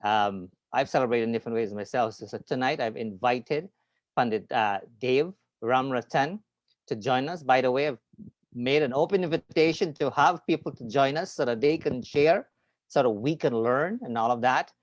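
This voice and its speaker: A man's voice: medium pitch, normal speed, no room sound, muffled recording. A man hosting an online talk show, chatting in a friendly, rambling way with plenty of fillers. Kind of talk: casual interview chat.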